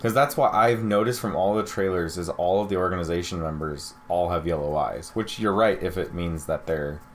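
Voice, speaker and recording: Talking fairly quickly in a low voice, this young man gives a laid-back reaction to a video game trailer. Throughout, a constant hum of room noise can be heard.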